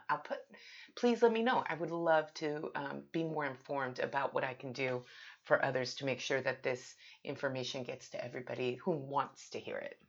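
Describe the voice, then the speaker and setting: A low-pitched woman talks casually as a solo podcast host, chatty and self-deprecating. The recording is dull and lo-fi, made in a home bathroom.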